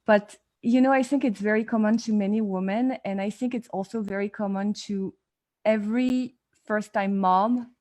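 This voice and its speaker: A woman's voice: mid-range voice, fairly even intonation, normal speed, darkish tone. Enthusiastic woman hosting a live video interview. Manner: enthusiastic, eager. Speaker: host. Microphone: video call.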